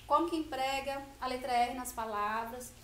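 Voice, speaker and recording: A woman with a Brazilian Portuguese accent teaching children a grammar lesson, patiently drawing out example sounds. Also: sits high. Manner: patient, explanatory, stresses example sounds slowly. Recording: echoey room with faint hiss.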